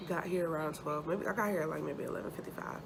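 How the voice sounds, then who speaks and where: Low, gravelly woman, sore after surgery. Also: fast. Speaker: vlogger. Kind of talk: casual chat, personal update to camera. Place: hospital room. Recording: noticeable background noise.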